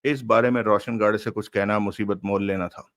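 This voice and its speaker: A man reads a crime novel aloud as an audiobook in a steady, even storytelling manner. His voice sits on the low side. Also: a little fast. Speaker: narrator.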